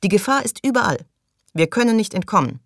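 A woman's voice: mid-range voice, very animated, a little fast, vocal fry, fairly bright tone, no echo, clean studio sound, voice pushed up. A woman reading an audiobook and voicing a suspicious, agitated man who accuses and raises his voice. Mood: accusing.

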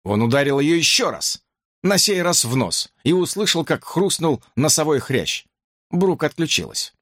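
A man narrating a horror audiobook with an expressive, dramatic reading. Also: a little high, normal speed, dry recording, studio quality.

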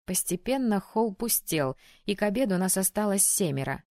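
A woman reading first-person narration of an audiobook in a lively, expressive storytelling manner, close to the mic. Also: mid-range voice, moderate pace, no room sound.

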